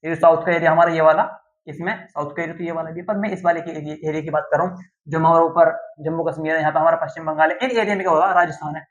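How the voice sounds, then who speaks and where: A male teacher from Uttar Pradesh, India, lectures a class, repeating key terms and posing questions he then answers himself. His fairly high voice holds a steady tone, and he talks fast. The recording sounds dull and lo-fi.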